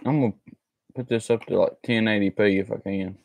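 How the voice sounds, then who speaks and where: A man's voice: on the low side, fairly even intonation, fairly quick, vocal fry, darkish tone, no echo. A man with a Southern US accent chatting casually on a livestream, crude and folksy, swearing a lot.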